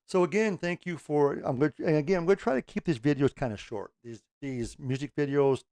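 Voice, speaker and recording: A man's voice: fairly high pitch, a little fast, warm tone, smooth, no room sound. A middle-aged man hosting a music reaction channel, chatting casually to camera in a rambling, self-correcting way and swearing now and then.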